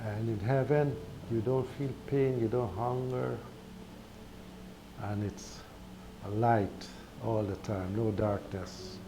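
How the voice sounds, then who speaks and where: Speaking slowly in a low voice, a Guyanese man gives a personal spiritual testimony, his intonation fairly even. His delivery halts, with repeated words and pauses, and background noise is clearly audible.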